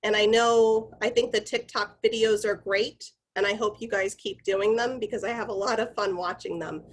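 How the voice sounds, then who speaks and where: The recording is rough, carrying a woman's mid-range voice as she gives an informal corporate training presentation. She lays out guidelines conversationally and instructively, talking straight to her group.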